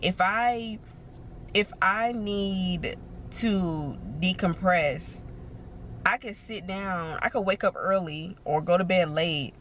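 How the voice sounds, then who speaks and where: A woman's voice: fairly low pitch, fairly bright tone, slight background noise. A young woman giving a casual, reflective motivational talk on her vlog, full of fillers and repeated words. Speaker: vlogger.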